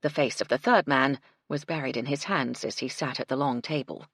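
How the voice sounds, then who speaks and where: A woman reading a cozy mystery audiobook with steady scripted narration. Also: very deep voice, a little fast, no echo, studio quality.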